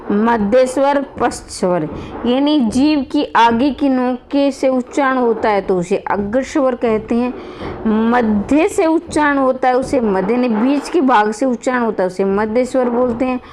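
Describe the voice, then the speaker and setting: A woman's voice: on the high side, a little mellow, a little hiss or hum. A woman teaching grammar to students in a classroom-style lesson, calling them children, repeating points and asking rhetorical questions.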